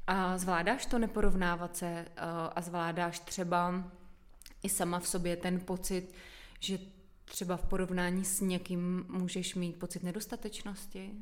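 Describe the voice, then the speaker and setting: Earnest woman with an even, flat voice. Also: lowish voice. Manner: earnest, probing, long winding questions. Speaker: interviewer, host. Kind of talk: reflective conversation.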